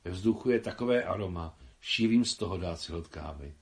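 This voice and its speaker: A man reading the lines of a brisk, practical young woman in an audiobook, with matter-of-fact speech. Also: low-pitched, expressive.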